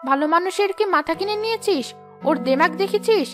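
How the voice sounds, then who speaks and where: A woman's voice: extremely high pitch, expressive, fast talker. A woman voicing a jealous, scheming village woman who bullies others with sneering threats, over background music. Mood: spiteful scheming.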